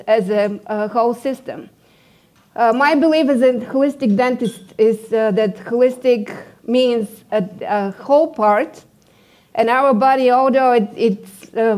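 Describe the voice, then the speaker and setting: A woman from Bulgaria, a dentist giving a conference presentation, hesitant with many fillers and losing her voice as she keeps clearing her throat. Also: fairly high pitch, a little mellow.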